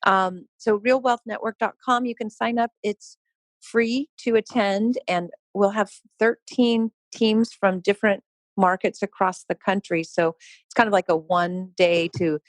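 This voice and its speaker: A real estate company founder, interviewed on a podcast, recounts a story in a lively, emphatic way, full of laughter and rapid side comments. Her pitch is medium, and there's no echo.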